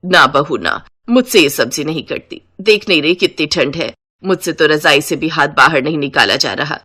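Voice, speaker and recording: A woman's voice: low voice, lively intonation, moderate pace, bright, forceful tone, breathy edge, no room sound, studio quality, pitched below the performer's own voice, full character voice. A woman voicing an older mother-in-law in a cartoon, bossy and complaining.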